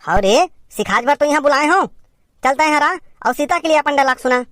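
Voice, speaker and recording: A woman's voice: high voice, lively intonation, a little fast, a bit bright, dry recording, clean studio sound. A woman with a Chhattisgarhi accent performing a comedy sketch as a bossy teacher who scolds and directs her pupils.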